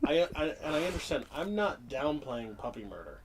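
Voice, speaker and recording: A man's voice: mid-range voice, very animated, moderate pace, crowd noise. A man with the hiccups chatting playfully as co-host while playing a horror game. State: has the hiccups. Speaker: co-host of a horror gaming show.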